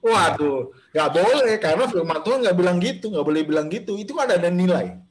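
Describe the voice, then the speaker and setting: A pastor teaches a Bible study over a video call, speaking directly to the group in a slightly high voice. He talks loosely and conversationally, with fillers and restarts. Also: lively intonation, a little fast, a little hiss or hum. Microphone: video call microphone.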